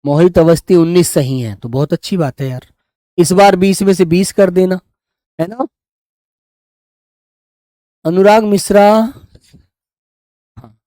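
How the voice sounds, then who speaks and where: A man's voice: high voice, measured pace, long pauses, mellow, dry recording, clean studio sound. A man teaching a live online quiz class, coaxing his students and calling them "beta" as he goes through the answers.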